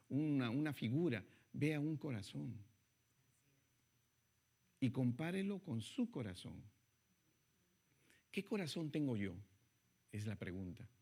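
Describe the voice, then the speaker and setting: A male pastor in mid sermon, at an everyday middle pitch. He swings from loud, high exhortation down to quiet, low asides, keeps asking the listener direct questions, and slows right down to read scripture. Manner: reads scripture slowly and deliberately.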